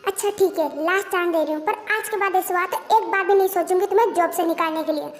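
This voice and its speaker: A woman's voice: extremely high pitch, fairly even intonation, quick pace. A woman voicing a blunt, short-tempered young female company owner in an audio story, scolding and ranting. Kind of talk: Hindi fan-dub audio story.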